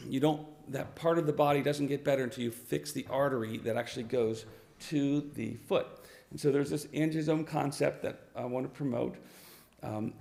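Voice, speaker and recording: Male physician lecturer, raspy and hoarse, mid-pitched, halting delivery. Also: darkish tone. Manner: halting, with many fillers and restarts. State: hoarse, clearing his throat. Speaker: vascular physician presenting at a conference. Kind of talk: medical lecture on slides.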